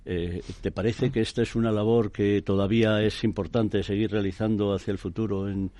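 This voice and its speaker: A man hosting a radio interview, laying out data in a measured way. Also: lowish voice, flat delivery, dark tone, dry recording. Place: radio studio.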